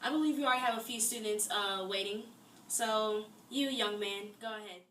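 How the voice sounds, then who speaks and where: A woman's voice: medium pitch, normal speed, a bit bright, lightly acted. A young woman playing an upbeat female moderator in a class-project mock debate, chatty and friendly. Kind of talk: amateur class-project role-play. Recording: echoey room, mic far off, faint noise.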